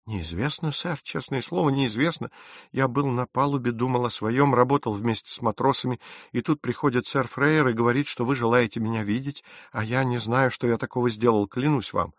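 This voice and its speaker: A man voicing a frightened young sailor in an audiobook, hurried and trembling as he pleads innocence. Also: mid-range voice, a bit bright, dry recording, studio quality. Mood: pleading. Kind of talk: audiobook character reading.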